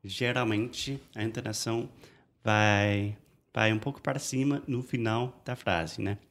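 This man speaks a bit slowly in a fairly low, steady, slightly bright voice. English is his first language, and as co-host of a bilingual lesson he patiently models phrases, often saying "perfect."

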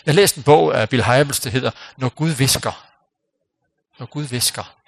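A man delivers a sermon in a gravelly, mid-range voice. He speaks earnestly and leaves long pauses. His voice falls almost to a whisper when he stresses a point. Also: medium pitch, no room sound. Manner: earnest, pausing, drops to quiet near-whisper for emphasis. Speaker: preacher. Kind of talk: sermon with closing prayer.

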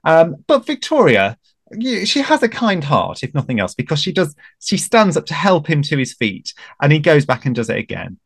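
A man talking casually about royal history, hesitant and careful, with many pauses and restarts. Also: fairly high pitch, huge pitch swings, breathy edge, no echo, studio quality. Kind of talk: casual chat.

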